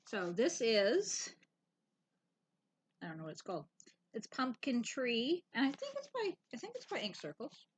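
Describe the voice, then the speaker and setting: A woman co-hosting a casual stitching chat, wry and quick to laugh. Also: on the high side, sing-song, slight background noise. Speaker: co-host.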